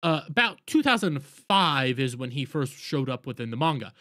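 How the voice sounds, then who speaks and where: A man hosts a commentary rant in an indignant, emphatic voice. His mid-range pitch swings widely as he stresses points by saying them again. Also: very animated, normal speed, bright, forceful tone, no room sound, studio quality. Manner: indignant, emphatic ranting, repeating phrases for stress. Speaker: commentary video host.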